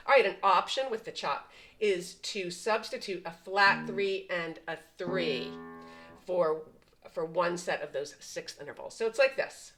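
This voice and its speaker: Lowish-voiced woman teaching piano over playing. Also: a little slow, low-quality recording. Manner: patient, plain explaining, counting beats aloud. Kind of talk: step-by-step piano tutorial. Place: at a piano, indoors.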